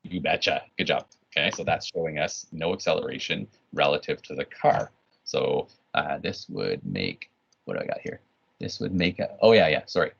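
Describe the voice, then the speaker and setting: A man's voice: extremely low pitch, animated, moderate pace, gravelly, fairly bright tone, breathy edge. A man teaching an online physics lesson in a casual, rambling way, full of restarts and "right?" checks. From Canada. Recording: dull lo-fi recording.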